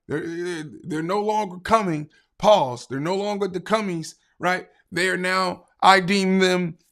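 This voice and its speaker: Animated philly sports-talk host, man. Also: on the high side. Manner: animated, repetitive, asks "right?" often. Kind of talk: casual sports talk, reading chat comments.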